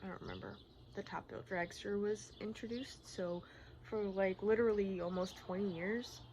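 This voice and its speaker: A woman talking candidly in a personal vlog, in a rambling, halting, casual way, often repeating herself. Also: mid-range voice, fairly even intonation, darkish tone. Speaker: personal vlogger. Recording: clearly noisy outdoor-like ambience, birdsong. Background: birdsong and environmental noise.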